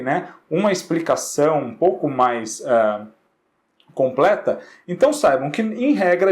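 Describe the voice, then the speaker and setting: A man teaching an English grammar lesson in Portuguese. He explains patiently, keeps checking in with short questions, and says English words slowly so they can be copied. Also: on the high side, a little mellow. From Brazil.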